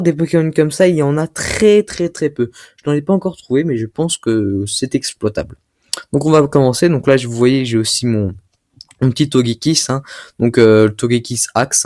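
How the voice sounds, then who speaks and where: A man's voice: on the high side, mellow, dry recording, clean studio sound. Hesitant young man explaining game strategy. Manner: hesitant, full of filler sounds and restarts. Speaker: game strategy tutorial maker. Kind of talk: casual gameplay tutorial commentary.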